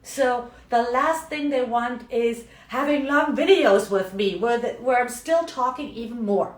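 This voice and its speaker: Speaking unhurriedly in a fairly high voice, a German-accented coach from Germany, middle-aged, chats away on a live video with frequent tag questions like "yeah?" and "right?". The mic sits at a distance, giving a roomy sound.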